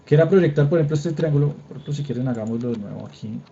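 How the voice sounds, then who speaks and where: Patient Colombian lecturer, mellow voice. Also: male voice, on the high side, very fast, gravelly, a little hiss or hum. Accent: Colombian Spanish. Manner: keeps checking in with students, informal and patient. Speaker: engineering drawing lecturer. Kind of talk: online class lecture with screen demo. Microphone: computer mic on a video call. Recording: slightly dull video call audio.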